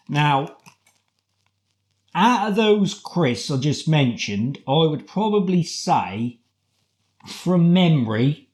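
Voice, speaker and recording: A man with a British accent giving a casual product review in a chatty, deliberate way, often posing rhetorical questions. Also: on the high side, a little mellow. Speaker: food review vlogger.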